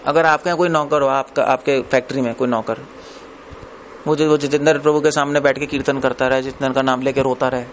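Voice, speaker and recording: A man's voice: mid-range voice, steady tone, fast talker, slight background noise. A man giving a scripture discourse in Hindi with a conversational manner, asking his listeners questions and mixing English phrases into his talk. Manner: conversational, asks the audience questions. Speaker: preacher.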